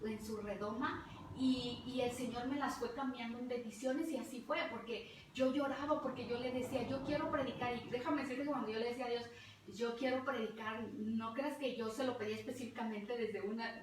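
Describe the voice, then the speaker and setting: A middle-aged Mexican woman preaches with fervor, repeating words to drive her point home. Her fairly high voice rings through a very echoey hall, picked up from a distance with a faint ambient hum behind. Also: fairly even intonation, normal speed. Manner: fervent, repeats words for emphasis. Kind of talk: testimonial sermon.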